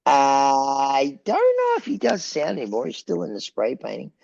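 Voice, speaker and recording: A middle-aged Australian man, a rock band frontman being interviewed, telling rambling, animated anecdotes in a gravelly voice. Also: mid-range voice, moderate pace, no room sound, lo-fi sound. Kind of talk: casual storytelling.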